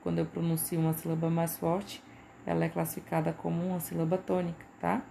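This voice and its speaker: Low gravelly-voiced Brazilian woman teacher. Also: completely flat delivery, fairly quick, dark tone, slight background noise. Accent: Brazilian Portuguese. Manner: patient, repeats points with frequent "né" and "tá". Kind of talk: recorded online lesson.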